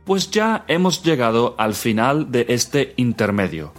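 A man from leads a scripted language lesson segment. He talks at an average pitch and repeats each phrase slowly and clearly for learners. Soft music plays faintly behind him. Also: very animated. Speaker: language teacher.

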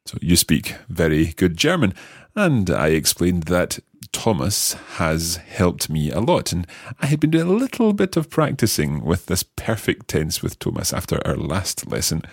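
Brief: man, low husky voice, learner co-host walking through phrases, dry close recording. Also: wildly swooping pitch, measured pace, dry recording. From Scotland. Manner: explains and translates phrases step by step. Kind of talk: casual lesson talk.

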